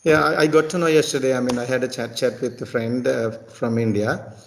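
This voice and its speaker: A man's voice: medium pitch, steady tone, a little fast, creaky, a little hiss or hum. A man from Sri Lanka who works as a tutor, chatting casually in English practice and often repeating words and restarting. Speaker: tutor and teacher.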